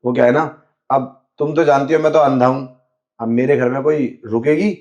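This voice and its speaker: A man's voice: mid-range voice, fairly even intonation, normal speed, darkish tone, lo-fi sound. A man in a scripted skit, playing a sleazy man who pretends to be blind, talking in a sly, wheedling way. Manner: sly, wheedling, keeps saying "you know". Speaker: actor in a short skit.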